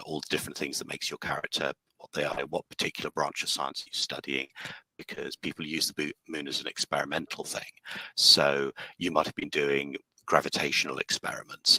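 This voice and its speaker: Very deep-voiced animated man. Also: no echo, low-quality recording. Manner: animated, acts out quotes, frequent restarts. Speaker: game designer guest. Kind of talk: enthusiastic interview chat.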